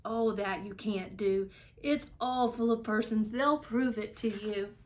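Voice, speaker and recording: A woman's voice: mid-range voice, unhurried, lightly acted. A woman voicing a kindly, earnest male elephant in a storybook, urgent and imploring. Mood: urgent pleading.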